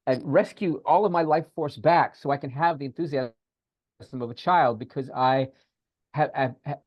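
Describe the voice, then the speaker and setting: A man speaks in a middle-pitched voice, animated and repetitive, as he guides someone through breathing and noticing feelings. His audio sounds dry and a bit muffled, like a remote call with no room around it. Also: moderate pace, no room sound. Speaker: podcast co-host, spiritual teacher. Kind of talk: casual podcast conversation.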